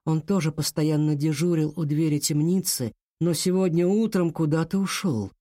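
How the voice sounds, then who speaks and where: A man reads a children's adventure story aloud in a measured, storytelling delivery. His voice sits a little high for a man. The recording is close and dry, with no room sound. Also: dark tone, no echo. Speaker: narrator. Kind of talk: audiobook narration.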